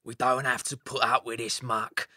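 A man voicing a burly, boastful male stoat warrior, coarse and swaggering with rough dialect grammar. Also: mid-range voice, flat delivery, normal speed, sharp tone, dry recording, clean studio sound, pitched above the performer's own voice. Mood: sneering.

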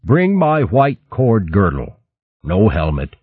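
Guy doing a chill old badger lord, deep and husky. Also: wildly swooping pitch, slow, phone-quality sound, exaggerated voice. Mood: calm. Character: old male badger lord, calm and dignified.

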